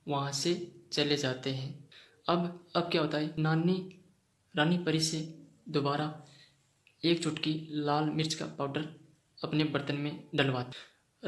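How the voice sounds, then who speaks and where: Man retelling a story in a flat voice. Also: fairly high pitch. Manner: plain retelling with frequent pauses and fillers. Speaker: channel host, narrator. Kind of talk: casual storytelling recap. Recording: roomy echoey room.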